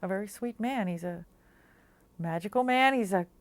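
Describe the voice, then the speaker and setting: A woman in an interview, describing her partner in a fond, halting way. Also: medium pitch. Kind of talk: casual interview answers.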